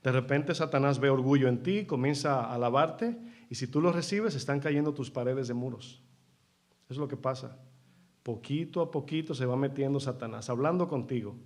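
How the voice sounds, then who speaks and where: A man's voice: mid-range voice, moderate pace, darkish tone. A man preaching a sermon to a church congregation. He asks his listeners questions and calls them brothers. He acts out short dialogues, switching into other voices. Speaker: pastor.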